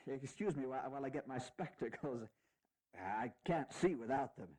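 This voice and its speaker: A man playing a dignified, fatherly aging general, giving stirring, deliberate and sometimes halting oratory in a historical audio drama. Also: medium pitch, lively intonation, darkish tone, natural voice. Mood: gentle, fatherly. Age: older.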